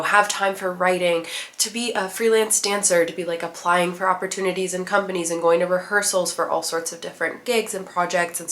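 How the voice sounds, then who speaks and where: A woman's voice: on the low side, a bit bright. A young woman vlogging casually, chatty and upbeat, her voice a bit nasal from a cold. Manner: upbeat, chatty, many "like" fillers. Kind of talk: casual vlog talk to camera.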